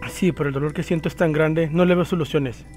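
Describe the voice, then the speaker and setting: A lost, confused ten-year-old girl, as a man reads her lines from a game with small stumbles. The voice sits fairly high for a man, with faint music underneath. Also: steady tone, quick pace, a little mellow, close to an everyday voice. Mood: confused, sad. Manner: reads lines from the screen with slips.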